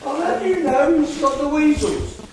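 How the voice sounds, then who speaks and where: Heard from far off in a very echoey, noisy theatre, this is a shrill camp pantomime dame played by a man. The voice is high and hammy, a bawdy, doting village mother delivering comic rhymes. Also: moderate pace, over music. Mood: indignant, flirty. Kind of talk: rhyming stage pantomime acting.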